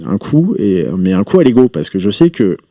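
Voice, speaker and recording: A man's voice: on the low side, big pitch swings, moderate pace, dark tone, no echo, studio quality. A man talking as a podcast guest about his path as an entrepreneur, reflective and rambling with frequent hesitations. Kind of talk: casual interview talk.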